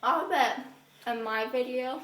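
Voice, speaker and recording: A woman's voice: high voice, slow, fairly bright tone. A young woman chatting casually and giggly to camera, silly in manner, recorded on a phone. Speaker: amateur video maker. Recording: echoey room, clear background noise.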